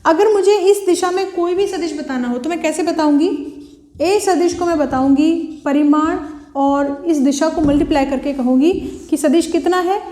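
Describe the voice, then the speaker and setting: A woman's voice: high-pitched, normal speed, dark tone, echoey room. A woman teaching a physics video lecture, asking questions and answering them herself. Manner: asks and answers own questions.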